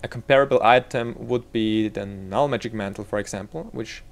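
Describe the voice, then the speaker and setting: A man's voice: fairly low pitch, normal speed, gravelly. A man from Austria with an Austrian German accent gives a casual game tutorial, rambling a little and correcting himself as he works out the numbers.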